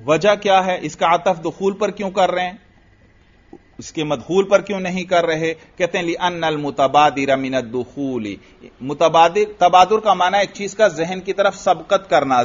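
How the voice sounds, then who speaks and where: A man's voice: on the high side, lo-fi sound. A man teaching a classical grammar lesson, asking his students questions and answering them himself, repeating each point. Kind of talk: Arabic grammar lesson in Urdu.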